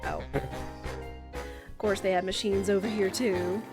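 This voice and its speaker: A woman's voice: medium pitch, expressive, slow. A woman giving casual commentary as she streams a game. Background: game music.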